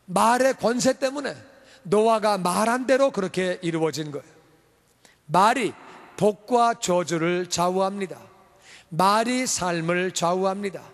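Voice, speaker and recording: Male pastor, sermon, high-pitched, animated storytelling, long hall reverb. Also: measured pace. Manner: animated storytelling, acts out scolding and praising voices. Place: church sanctuary.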